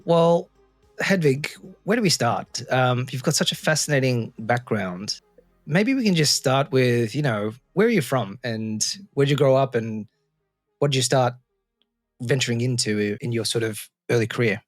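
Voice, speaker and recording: Guy hosting a podcast, mid pitch, kinda halting with lots of ums, faint music behind. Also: expressive, dry recording. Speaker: podcast host. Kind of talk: casual podcast interview.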